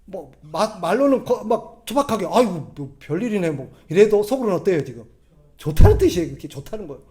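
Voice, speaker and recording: High-voiced pastor. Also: male voice, very animated, fast, mellow. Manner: conversational, asks the congregation questions; acts out quoted voices in a gruff tone. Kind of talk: sermon.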